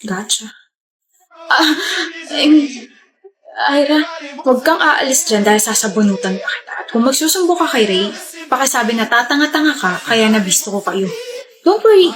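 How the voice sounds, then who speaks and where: A woman's voice: a little high, expressive, moderate pace, pauses often, crowd noise. A woman acting out scripted POV comedy skits, switching between playful characters. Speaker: comedy skit creator.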